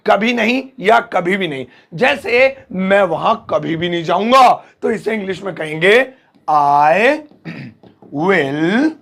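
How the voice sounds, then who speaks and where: A man teaching English phrases to Hindi speakers, drilling each phrase slowly word by word with playful asides to viewers. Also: high-pitched, gravelly, a bit bright. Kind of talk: Hindi-language English lesson.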